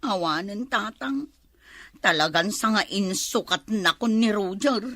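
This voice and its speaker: A woman playing Lorna, a loud nagging wife in a comedy drama who scolds and shouts at her husband. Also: medium pitch, a little slow, no echo. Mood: chatty. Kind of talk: comedy web drama acting.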